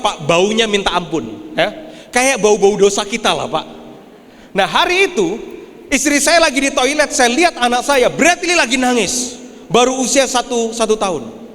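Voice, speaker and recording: A young male pastor with a high voice preaches a lively sermon. He drops to low, quiet asides and then rises to shouted climaxes. His voice rings through a hall with a long reverb. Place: church hall.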